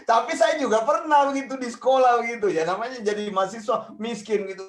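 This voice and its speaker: Chatty high-voiced man on a roomy call. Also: quick pace, faint music behind. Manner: chatty, anecdotal, laughs often, acts out quoted people. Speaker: Bible teacher leading discussion. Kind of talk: casual storytelling in an online Bible discussion. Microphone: video call. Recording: roomy distant video-call audio.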